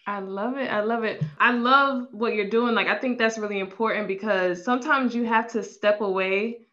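A woman's voice: medium pitch, moderate pace, a bit bright. A woman hosting an interview show, upbeat and encouraging, often repeating her phrases. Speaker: podcast host. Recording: dull lo-fi sound.

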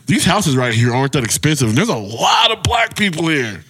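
A man's voice: fairly high pitch, big pitch swings, fairly quick, a bit bright, slight background noise. A man of about thirty co-hosting a casual podcast, blunt, joking and swearing freely. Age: 30s.

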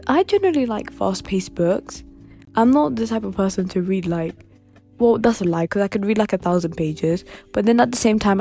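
A woman in her late teens talks on her own podcast at home, rambling from one thought to the next and giggling as she goes. Her voice is warm and dark, with plenty of vocal fry. Faint music sits under her voice. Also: mid-range voice. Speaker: podcast host. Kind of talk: casual solo podcast chat.

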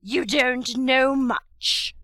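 A woman playing a bad-tempered, domineering Duchess in an audiobook drama, blunt and scolding, with a hoarse growl. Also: sits high, very slow, sharp tone, no room sound, clean studio sound, heavily acted. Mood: gruff disdain. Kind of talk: full-cast audiobook character acting.

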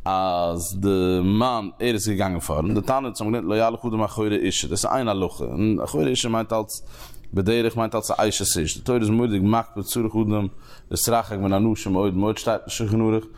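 A man teaching a Talmud lesson, explaining the text in halting phrases that he repeats and restarts. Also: on the low side, a little mellow.

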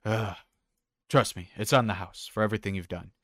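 A man's voice: on the low side, a little fast, a bit bright, no room sound, clean studio sound. A man voicing a generous, friendly male tavern keeper who speaks with a chuckling, hospitable manner.

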